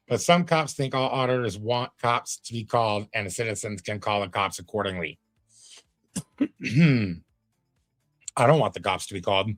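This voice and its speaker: Low-pitched man, laid-back streamer, chatty and moralizing; dry mic, faint music bed. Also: unhurried, pauses often, no room sound. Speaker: reaction streamer. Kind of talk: casual commentary on a clip.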